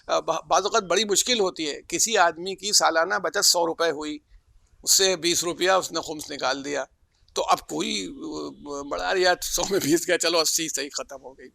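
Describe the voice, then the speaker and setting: A man delivering a religious sermon, telling stories and voicing the figures in them with sudden loud rises. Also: a little high, vocal fry, no room sound. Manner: storytelling, acts out quoted figures with loud rises. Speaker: religious speaker. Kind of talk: Muharram majlis sermon.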